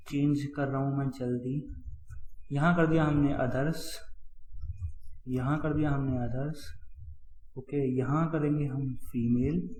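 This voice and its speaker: A man's voice: a little high, warm tone, echoey room, slight background noise, poor audio. A man teaching web coding in a chatty screen-recorded lesson, talking straight to viewers and repeating key points. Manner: chatty, addresses viewers as guys and brother, repeats himself. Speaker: coding tutor.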